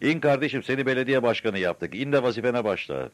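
A man voicing a sweating fire brigade commander in an audiobook, calling out loudly. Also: medium pitch, animated, fast, breathy edge, no echo, pitched above the performer's own voice. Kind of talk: audiobook character voice.

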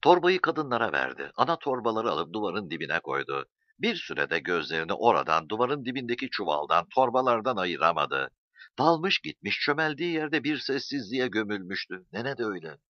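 A man narrating a story as an audiobook reader, in an expressive storytelling manner. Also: lowish voice, a little fast, dry recording. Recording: dull dry recording.

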